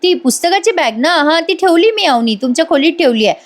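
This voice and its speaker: A woman voicing a calm elder brother trying to settle a family fight. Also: extremely high pitch, brisk, pitched above the performer's own voice. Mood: soothing.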